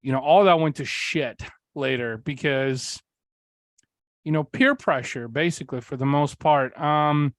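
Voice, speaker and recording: Speaking a little slowly in a fairly high voice, a Bulgarian-born man in his forties tells his story on a podcast. He is candid and rambling, with plenty of fillers and the occasional swear, in a dry recording of casual interview storytelling.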